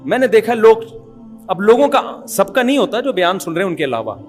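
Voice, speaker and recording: Casual: high-voiced middle-aged guy, chuckling as he tells a family story, light music under it. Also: sing-song, fairly quick. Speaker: father telling a family story. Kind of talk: humorous anecdotal talk.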